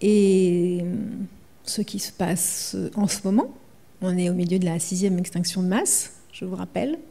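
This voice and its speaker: A woman's voice: lowish voice, unhurried, warm tone. A woman novelist vividly reading her own writing aloud at a library event, then speaking about her work. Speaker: author.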